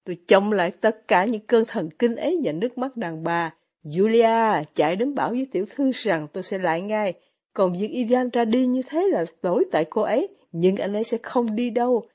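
A woman's voice: medium pitch, moderate pace, lightly acted. A woman voicing an effusive, fussy middle-aged mother in a storybook reading. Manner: gushing, excitable.

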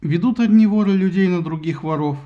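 A man with a fairly high voice narrates a satirical tale of gods and heroes. His delivery is lively and ironic. The recording is dull and lo-fi. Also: fairly quick. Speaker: audiobook narrator.

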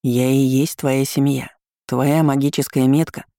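A woman voicing an intense, protective young man in an audiobook, speaking lower and slower than her narration. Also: level tone, mellow, dry recording, studio quality, natural voice. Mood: earnest.

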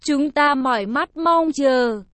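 A woman reading the lines of a calm, composed young male cultivator in an audiobook. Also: high-pitched, takes it slowly, no echo. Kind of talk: audiobook narration.

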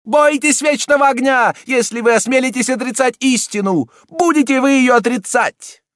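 A man voicing a wrathful, scheming elderly Italian cardinal who shouts and hectors. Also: very high voice, moderate pace, no echo, studio quality, pitched above the performer's own voice. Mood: furious.

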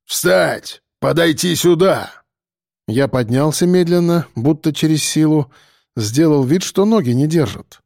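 A man narrates a first-person story with steady, tense delivery. His voice sits a little high. The recording is dry and close, with no room sound. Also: normal speed, no echo. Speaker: audiobook narrator.

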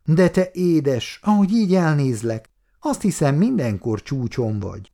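A man's voice: mid-range voice, huge pitch swings, darkish tone, breathy edge, full character voice. Man putting on a cooing, flirty office woman. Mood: flirting. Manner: cooing, coquettish.

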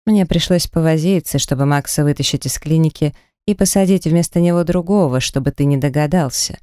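A gloating male villain from an audiobook thriller, mocking and triumphant, read by a woman in a mellow, smooth voice. The sound is close and dry. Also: deep voice, fairly quick, no room sound, lightly acted.

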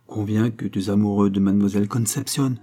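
A man's voice: fairly low pitch, fairly even intonation, quick pace, warm tone, lightly acted. A man reading the part of a kind, teasing young nobleman in an audiobook.

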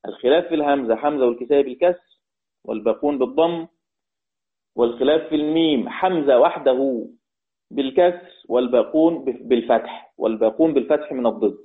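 A man with an Egyptian accent teaching Quran recitation rules, repeating key words slowly and quizzing his students. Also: mid-range voice. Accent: Egyptian Arabic. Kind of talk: explaining recitation rules in a lesson. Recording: tinny phone-like sound.

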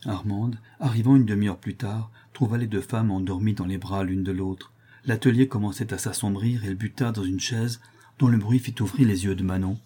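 A man reading a historical chronicle aloud in a measured, steady storytelling manner. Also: on the low side, breathy edge. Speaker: audiobook narrator. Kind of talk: scripted narration.

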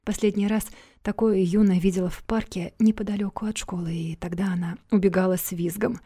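A woman reads a novel aloud in a wry, confiding way, with a breathy and mellow voice. The recording is dry and close, with no room sound around her. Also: mid-range voice, fairly even intonation, fairly quick, no echo. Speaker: audiobook narrator. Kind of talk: scripted narration.

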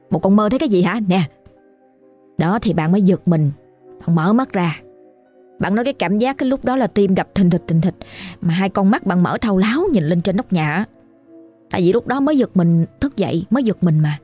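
A woman's voice: medium pitch, dark tone. A woman narrating a ghost story in a colloquial, exclamatory way.

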